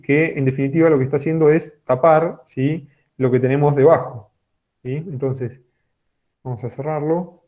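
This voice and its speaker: Man teaching over a tinny call. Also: on the high side. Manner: explanatory, keeps checking in with a questioning "sí". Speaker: geology teacher. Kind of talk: online class lecture. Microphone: computer microphone on a video call. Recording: tinny phone-like online call audio.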